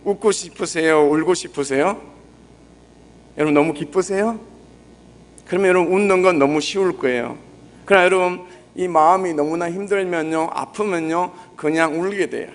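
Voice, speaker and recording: Young Busan pastor, conversational sermon. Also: male voice, fairly high pitch, normal speed. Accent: Busan Gyeongsang. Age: young adult.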